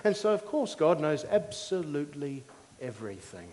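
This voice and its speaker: A male preacher with a slightly high voice gives a teaching sermon in a long, reverberant hall. He explains simply and deliberately, phrase by phrase, in a measured didactic manner. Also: sing-song, a little mellow.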